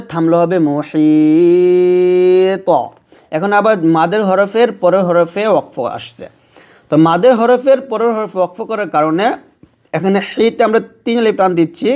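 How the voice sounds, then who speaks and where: A man with a Bangladeshi Bengali accent teaching Quran recitation rules step by step. He explains each rule, then chants the verse slowly and drawn out. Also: sits high, a little mellow.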